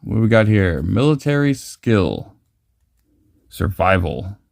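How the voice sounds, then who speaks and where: A US man in his forties hosts a card-collecting channel, casually commenting as he opens trading cards, joking, rambling and swearing freely. His voice sits on the low side with vocal fry and a measured pace, and there's no room sound.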